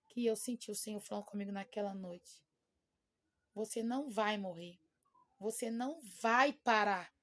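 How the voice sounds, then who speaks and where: Emotional Brazilian woman giving testimony. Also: fairly high pitch. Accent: Brazilian Portuguese. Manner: emotional, repeats words for emphasis. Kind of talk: personal faith testimony.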